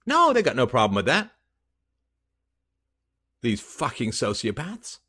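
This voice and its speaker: A man in his fifties rants alone into a headset mic, furious and sarcastic, swearing freely. His pitch swings widely, from low grumbling mutters to sharp loud bursts. He sounds close and plain, recorded in a small room. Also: huge pitch swings, unhurried, breathy edge. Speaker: podcast host. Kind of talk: impassioned solo rant to camera.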